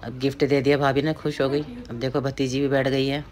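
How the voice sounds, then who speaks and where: A woman's voice: extremely low pitch, level tone, fairly quick, darkish tone. Chatty woman narrating. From Pahari hill region of India. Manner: chatty, repetitive, addresses viewers as friends. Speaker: vlogger narrating a family ritual. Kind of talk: casual voice-over commentary.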